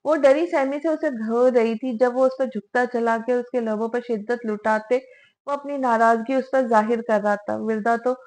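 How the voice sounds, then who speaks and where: A woman reading a romance novel aloud in a steady storytelling style. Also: a little high, moderate pace, low-quality recording. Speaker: audiobook narrator. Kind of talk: dramatic novel narration.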